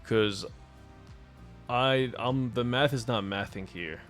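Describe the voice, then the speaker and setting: A man's voice: mid-range voice, slow, fairly bright tone, soft background music. A man streaming a video game, telling a long story in a casual, profane, rambling way and laughing often. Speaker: gaming streamer.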